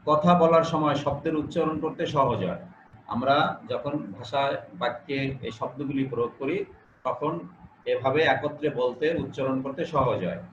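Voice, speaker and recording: A man's voice: medium pitch, steady tone, moderate pace, reverberant, lo-fi sound, a little hiss or hum. A male teacher giving an online class, explaining step by step, repeating key phrases and putting questions to his students. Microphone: video call.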